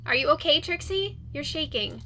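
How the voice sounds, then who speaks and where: Woman voicing a bright, high-pitched cheerful young woman. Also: lively intonation, moderate pace, slight background noise. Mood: caring. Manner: perky, encouraging.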